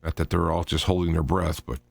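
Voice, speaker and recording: On his own talk radio show, a man speaks unscripted in a halting, rambling manner, often repeating phrases or starting them again. His deep voice is creaky but steady in tone, with no room sound.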